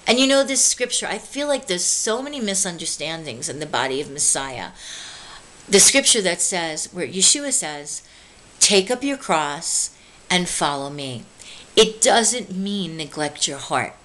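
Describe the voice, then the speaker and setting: A woman preaching a heartfelt devotional message in a somewhat low voice. She pleads earnestly and stretches out key words for weight. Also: very animated, a little slow, a bit bright, rough recording. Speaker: minister.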